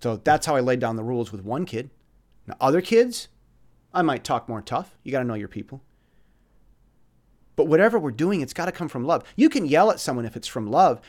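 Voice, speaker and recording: An earnest man talks through life advice in a casual, reflective monologue. His voice sits a little high and moves a lot in pitch. He stammers into restarts and drifts between louder, emphatic stretches and quiet ones. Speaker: speaker giving life advice.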